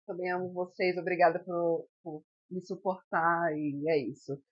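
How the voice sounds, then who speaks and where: A woman's voice: lowish voice, steady tone, moderate pace, breathy edge, no echo, dull audio. Reflective woman co-host, casual chat. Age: 30s. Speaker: podcast co-host.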